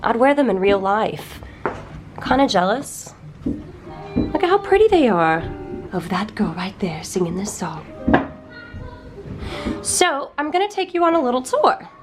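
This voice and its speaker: A woman's voice: a little high, sing-song, a little slow, long pauses, music in the background. A woman vlogger giving a bubbly, enthusiastic backstage tour.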